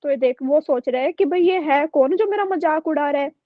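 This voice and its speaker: A woman's voice: high voice, fairly quick, dry recording, narrow, tinny audio. A woman teacher telling a story to her online class in a chatty way, often checking in with her students. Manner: chatty, keeps checking with "okay?".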